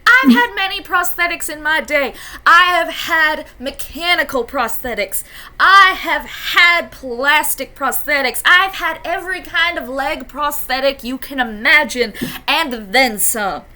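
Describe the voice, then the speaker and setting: A woman's voice: high voice, a little slow, pushed and bright, voice pushed up, full character voice. A woman voicing an elderly cartoon grandparent who tells long-winded, folksy stories. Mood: rambling.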